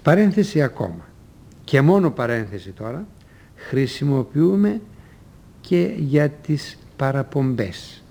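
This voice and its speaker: A man teaching a language lesson, reading example sentences in a measured, deliberate way with careful pauses. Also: mid-range voice, big pitch swings, vocal fry, warm tone.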